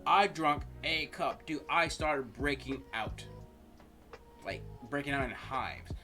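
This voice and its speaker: A man's voice: medium pitch, slow pace, sharp tone, soft background music. A man hosting a reaction video, chatting casually and correcting himself as he rambles.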